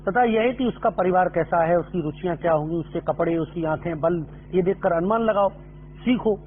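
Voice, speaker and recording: A middle-aged man giving a spoken lecture on acting, explaining and mixing English terms into his talk. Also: high voice. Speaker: drama lecturer. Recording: tinny phone-line audio with faint hum.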